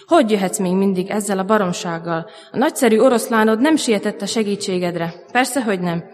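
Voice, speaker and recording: A woman voicing a grumpy, gruff male dwarf who cannot see, in a storybook reading. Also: mid-range voice, a little mellow, close to an everyday voice. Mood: furious. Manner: gruff, scornful. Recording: long church reverb.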